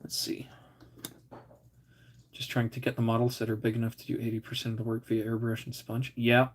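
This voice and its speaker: A man's voice: mid-range voice, completely flat delivery, fairly quick, slightly rough. A man hosting a casual livestream, muttering to himself as he builds models and chatting with viewers now and then. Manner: mutters to himself while working, drifting quiet. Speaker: livestream host. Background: faint air compressor hum.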